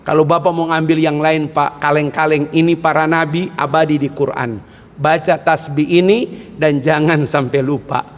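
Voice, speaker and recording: A man preaching at a mosque, telling animated stories with jokes and frequent exclamations. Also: a little high, moderate pace. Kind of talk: lively mosque sermon. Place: mosque hall. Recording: long mosque reverb.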